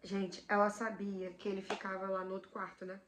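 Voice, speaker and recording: A woman hosting a vlog, telling a supernatural story in an animated way, dropping to a hush and then bursting out loud. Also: mid-range voice, brisk, slight background noise. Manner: animated, swings between hushed and loud outbursts. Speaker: channel host.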